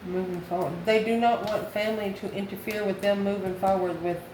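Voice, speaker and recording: A brisk, steady, mid-range female voice with a darkish quality belongs to an American tarot card reader. She muses aloud through a casual, unscripted reading, answering her own questions, and the room is echoey with clear background noise.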